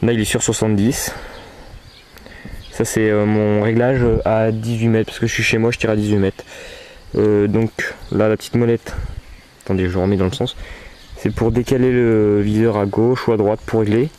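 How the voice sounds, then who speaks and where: A man's voice: fairly low pitch, little pitch movement, moderate pace, a little mellow. A man casually showing his archery gear to his camcorder at home, hesitating often with fillers. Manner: hesitant, many fillers, talks to camera. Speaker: archery vlogger. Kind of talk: casual equipment demo. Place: outdoors at home. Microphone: camcorder mic. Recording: camcorder recording with background noise.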